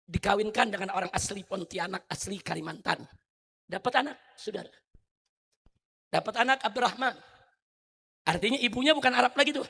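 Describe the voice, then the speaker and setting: An Indonesian preacher gives a fiery religious sermon in a very high, bright, forceful voice that is gravelly and slightly rough. He speaks fairly quickly but with long pauses, swinging from hushed, low lines to full shouting. He constantly questions the crowd and addresses them directly.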